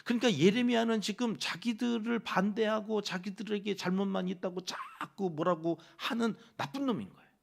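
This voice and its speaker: A man's voice: sits high, normal speed, gravelly. A man preaching a dawn service sermon as pastor, talking animatedly, asking the congregation questions and acting out quoted voices. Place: church sanctuary.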